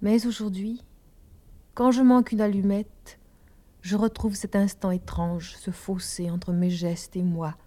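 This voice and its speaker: A woman narrating a novel in the first person, slow and hushed, often dropping into a whisper. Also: medium pitch, little pitch movement. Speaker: audiobook narrator.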